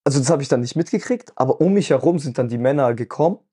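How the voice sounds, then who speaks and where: A man's voice: medium pitch, animated, quick pace, warm tone, husky. A man hosting a podcast, telling a personal story in an earnest, emotional way and often checking in with his listener. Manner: earnest, emotional, full of "weißt du" fillers. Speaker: podcast host.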